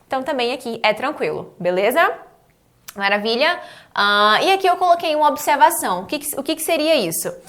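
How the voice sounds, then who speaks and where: A Brazilian woman with a fairly high voice leads an online English lesson in Portuguese. She spells out each example phrase slowly, has students repeat it, and checks in with short "right?" tags. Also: animated, fairly bright tone. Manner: models English phrases slowly, then prompts repetition; encouraging, checks understanding with "tá?" and "certo?". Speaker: English teacher.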